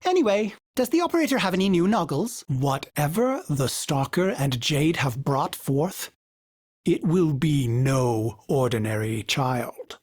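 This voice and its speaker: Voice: very animated, measured pace, a little mellow, no room sound. Ordis, a glitchy, courteous ship AI. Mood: wistful. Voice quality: formal, speaks of himself in third person. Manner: courteous, dry wit, sudden pitch jumps. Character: polite, fussy male starship AI, wistful. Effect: glitchy synthetic voice filter. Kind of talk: game character voice lines.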